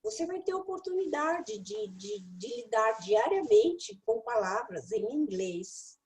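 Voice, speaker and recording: A woman English teacher and mentor giving study tips in a talk to the listener, animated and playful. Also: fairly high pitch, a little slow, rough recording.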